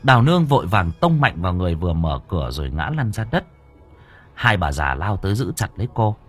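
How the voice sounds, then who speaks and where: A man narrating an audiobook story in a dramatic, animated reading. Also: sits low, fast talker, breathy edge. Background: faint music.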